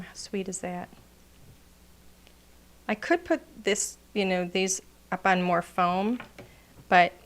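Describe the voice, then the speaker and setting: A woman teaching card-making in a casual, chatty demonstration, gushing over her work and often dropping to a murmur as she works. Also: medium pitch.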